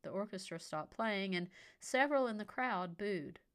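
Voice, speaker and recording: Woman narrating a story, measured. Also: mid-range voice, expressive.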